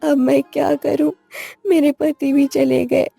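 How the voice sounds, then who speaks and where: A woman voicing an anxious, grieving old village mother in an animated story, in a gravelly voice. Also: high voice, measured pace, soft background music, exaggerated voice. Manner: anxious, pleading.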